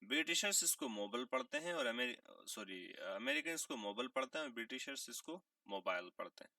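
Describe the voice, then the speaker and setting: A man teaching a vocabulary lesson, asking questions and answering them himself, repeating key words and clearing his throat now and then. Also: medium pitch, huge pitch swings, pushed and bright, no echo, studio quality, recorded from a distance. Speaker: English teacher.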